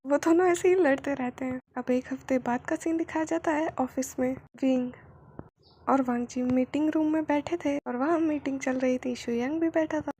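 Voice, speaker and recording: A woman's voice: sits high, normal speed, dark tone, a little hiss or hum. A woman reading a fan story aloud in plain running narration.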